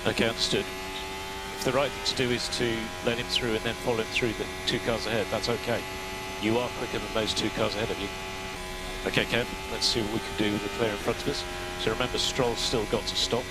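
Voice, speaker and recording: Low-voiced man on very noisy team radio. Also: flat delivery. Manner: measured, instructional, reads out gaps and numbers. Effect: team radio transmission. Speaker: race engineer. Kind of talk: team radio race updates and coaching. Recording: very noisy team radio, humming, engine noise. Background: loud hum and car noise.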